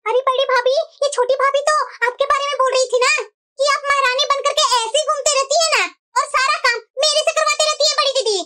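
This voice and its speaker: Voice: extremely high pitch, fairly even intonation, fast, sharp tone. A voice actor playing a tattling young sister-in-law in a cartoon, chatty and conspiratorial. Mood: gossiping. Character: gossiping young sister-in-law, two-faced busybody. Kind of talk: cartoon voice acting.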